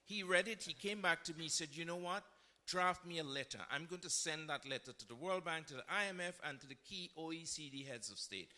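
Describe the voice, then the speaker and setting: A Guyanese man in his fifties, a former diplomat, speaks on a panel in a fairly high, bright, forceful voice. He tells a story reflectively, correcting himself as he goes.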